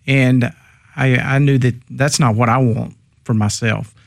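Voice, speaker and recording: A man with a mid-range voice speaks as a coach being interviewed. He is conversational, halting and measured, feeling his way through each point. The recording is close and very dry. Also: mid-range voice, fairly even intonation, vocal fry, no echo. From Texas, United States. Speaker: business coach and guest.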